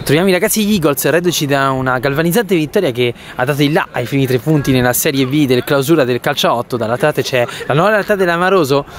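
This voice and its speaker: A man giving excited play-by-play football commentary in the manner of goal commentary. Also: fairly high pitch. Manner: animated, bursting into drawn-out shouts at goals and shots. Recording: crowd and outdoor noise behind.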